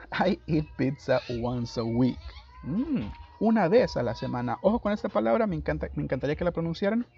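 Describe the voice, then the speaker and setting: A man's voice: on the high side, gravelly, warm tone, slightly rough. A man teaching an English lesson, explaining grammar casually and switching between two languages. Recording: dull lo-fi audio.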